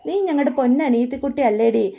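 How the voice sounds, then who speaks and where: A woman's voice: sits high, quick pace, vocal fry, mellow. A woman voicing a caring older brother who soothes his crying sister. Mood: soothing. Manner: soothing, affectionate. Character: man, gentle protective older brother.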